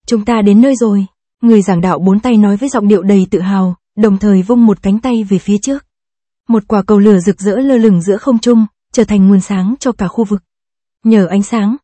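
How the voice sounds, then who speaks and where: A woman narrates a fantasy audiobook in an even, steady read. Her voice is mellow and warm with a husky, breathy edge, and the recording is dry and close with no room sound. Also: medium pitch, no room sound. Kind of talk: scripted narration.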